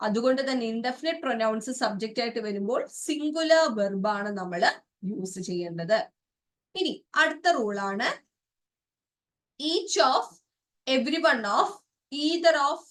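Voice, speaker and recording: Malayali lady teacher going thru grammar rules, keeps asking "right?", high voice. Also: lively intonation, slow, a bit bright, far from the mic. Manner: explains step by step, asks checking questions. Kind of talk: exam-prep grammar lesson.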